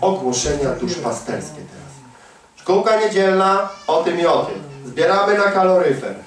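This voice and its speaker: A man preaching a fervent, emphatic sermon, swinging from hushed asides to near-shouts. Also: high voice, expressive, normal speed. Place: church prayer hall. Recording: very echoey hall, from a distance.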